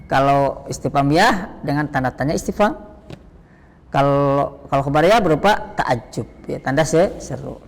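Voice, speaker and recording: A man's voice: fairly high pitch, creaky. Man teaching Arabic grammar, echoing. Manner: explains slowly, repeats terms, asks and answers himself. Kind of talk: online Arabic grammar lesson.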